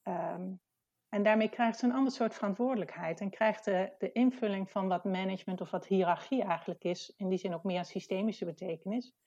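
A woman explains her ideas in a discussion, pausing often with hesitant fillers as she goes. Her voice comes through a dull, slightly muffled lo-fi recording. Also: medium pitch, fairly even intonation, mellow. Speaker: discussion guest. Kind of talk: casual discussion. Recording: dull lo-fi sound.

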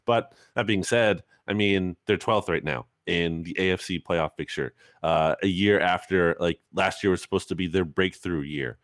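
A man's voice: low voice, normal speed, few pauses, fairly bright tone, no room sound, studio quality. A man co-hosting a sports podcast in casual, conversational talk full of hedging asides. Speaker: podcast co-host.

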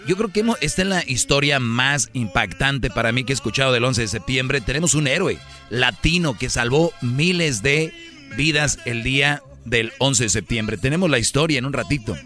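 A man's voice: mid-range voice, expressive, normal speed, pushed and bright, faint music behind. A man co-hosting a radio show, making friendly announcements and bantering with his partners. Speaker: radio co-host.

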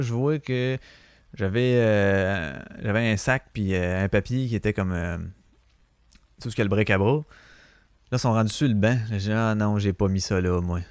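A man's voice: fairly low pitch, no room sound. Quebec French male host, casual slangy rambling monologue, dry close sound. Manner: rambling, slangy, swears freely. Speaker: podcast host.

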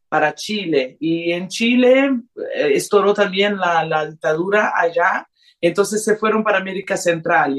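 A woman. She tells her story earnestly as a radio guest, pausing and restarting as she gathers her thoughts. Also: lowish voice. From Brazil and Honduras. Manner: earnest, restarts and hesitant fillers. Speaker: singer, interview guest. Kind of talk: personal storytelling in a radio interview.

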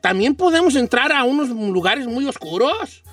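A man's voice: very high-pitched, big pitch swings, normal speed, a bit bright, distant mic. A Mexican man from Michoacán hosting a radio show, telling a rambling, slangy story in a casual chat.

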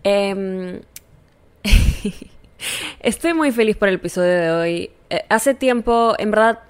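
A woman's voice: mid-range voice, expressive, slow pace, clean tone. Gushing, playful young woman host. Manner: playful, gushing, affectionate, laughs often. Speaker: podcast host. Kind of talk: casual chat.

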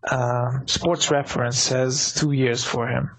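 A man's voice: mid-range voice, level tone, takes it slowly, fairly bright tone, slight background noise. A man co-hosting a casual sports podcast, rambling with many restarts and fillers. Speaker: podcast co-host.

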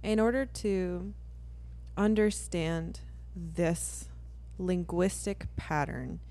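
A woman co-hosting a casual podcast, explaining points in an animated way with lots of fillers. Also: on the low side, very slow. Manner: animated, laughs often, explains with many fillers. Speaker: podcast co-host.

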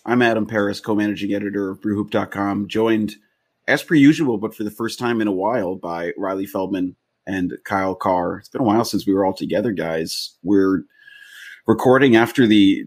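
A man's voice: fairly low pitch, moderate pace. A man hosting a sports podcast, casually recapping games and putting questions to his co-hosts. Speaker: podcast host.

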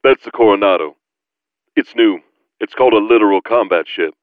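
A man voicing a patient, knowledgeable male companion who calmly explains things. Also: fairly low pitch, brisk, dry recording, narrow, tinny audio, natural voice. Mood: explaining.

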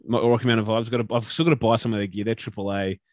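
A man's voice: fairly low pitch, fairly even intonation, very fast, no echo, clean studio sound. A man co-hosting a casual podcast, rambling with restarts and casual swearing. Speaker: podcast co-host.

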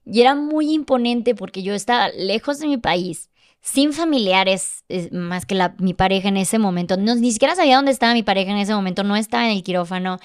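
A woman's voice: medium pitch, lively intonation, fairly quick, smooth. A woman telling a personal story in casual podcast conversation, emotional and vivid, acting out the dialogue. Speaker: podcast guest.

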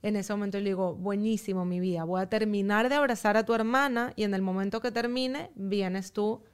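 A woman's clean, medium-pitched voice explains her parenting method step by step while guesting on a podcast. She keeps things calm and measured in what amounts to an informal chat.

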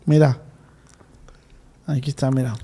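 A man's voice: mid-range voice, level tone, unhurried, mellow, husky. A man hosting a casual interview, asking teasing, prodding questions. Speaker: podcast host.

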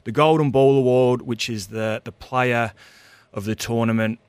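A man's voice: medium pitch, steady tone, smooth, no echo. An Australian man co-hosting a radio show, talking casually with lots of fillers and restarts. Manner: easygoing, halting with many fillers. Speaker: radio co-host. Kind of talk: casual radio sports chat.

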